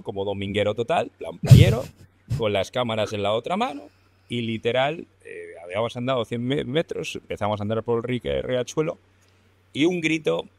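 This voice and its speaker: Lively storytelling man with Spanish accent. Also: fairly low pitch, gravelly, dry recording. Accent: Spain Spanish. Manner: lively, laughs often, colloquial swearing. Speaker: podcast guest. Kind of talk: casual storytelling.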